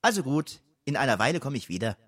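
A man's voice: medium pitch, big pitch swings, fast talker, fairly bright tone, husky, no echo, clean studio sound, pitched above the performer's own voice. A man voicing male soldiers who tease a locked-in comrade with sing-song, mock-innocent questions. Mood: teasing.

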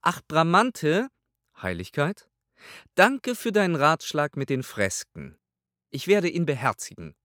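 A man's voice: fairly high pitch, huge pitch swings, a little slow, no room sound, studio quality, voice pushed up, full character voice. A man doing an imperious old pope. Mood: gruff. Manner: pompous, raised and forceful delivery. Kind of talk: audiobook character voice.

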